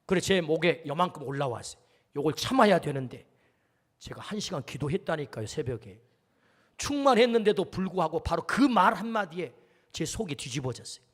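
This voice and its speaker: A man's voice: a little high, animated, a little fast, in a large hall. A male pastor giving an earnest storytelling sermon, acting out the quotes in it. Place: church sanctuary.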